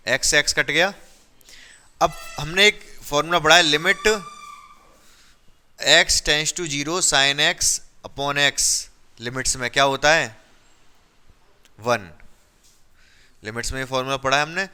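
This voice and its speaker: A man's voice: on the high side, sharp tone, smooth. A man teaching a maths class, talking through the steps while he writes and quizzing his students. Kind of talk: classroom lesson explaining at a board.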